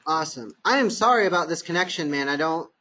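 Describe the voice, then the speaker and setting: A man's voice: fairly high pitch, lively intonation, fast talker, pushed and bright. A man teaching a massage therapy class online, explaining terms patiently over a choppy video-call connection.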